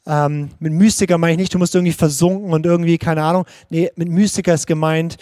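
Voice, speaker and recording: A man's voice: a little high, steady tone, fast, a little mellow, no room sound, studio quality. A man preaching a livestreamed sermon in a personal, searching way, often restarting his sentences. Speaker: pastor.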